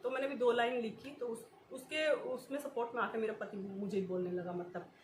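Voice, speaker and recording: High-voiced woman venting in an echoey room. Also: fairly even intonation, fairly quick. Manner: talks in short repeated phrases, often breaking into nervous laughs. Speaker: vlogger. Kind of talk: emotional personal vlog. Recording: echoey room with faint ambient noise.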